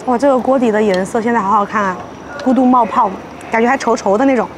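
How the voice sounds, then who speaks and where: High-voiced young woman food vlogger, playful. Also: quick pace, background noise. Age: young adult. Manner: playful, exclamatory, talks while eating. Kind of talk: casual mukbang chat to camera. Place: outdoor table at a street-side restaurant.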